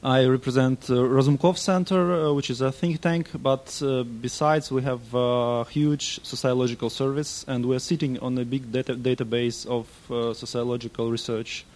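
A man introducing himself at a workshop, halting, with restarts. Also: medium pitch, steady tone, a little mellow. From Ukraine. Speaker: think tank representative.

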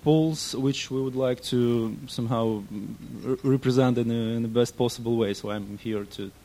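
A man introducing himself at a workshop, halting, with restarts. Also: mid-range voice, fairly even intonation, mellow. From Ukraine. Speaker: think tank representative.

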